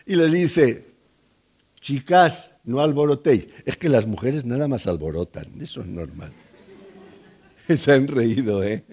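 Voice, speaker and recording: Spanish pastor preaching, husky voice, acts out the story, pitch all over the place. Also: male voice, a little slow. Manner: animated, acts out scenes with voices. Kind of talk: sermon.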